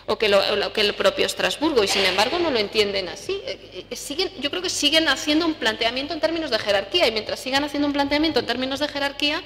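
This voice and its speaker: A woman on an academic panel, talking quickly and restarting her phrases as she thinks aloud. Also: sits high, expressive, a bit bright. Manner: rapid, hesitant restarts. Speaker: panelist, law professor. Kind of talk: round-table academic talk. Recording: long hall reverb, faint noise.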